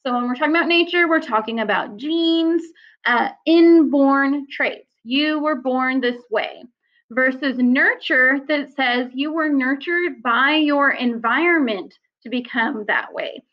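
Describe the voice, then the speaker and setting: A woman's voice: high voice, measured pace. A woman teacher giving a recorded psychology lecture, explaining in a conversational way with frequent fillers. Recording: slightly dull lo-fi sound.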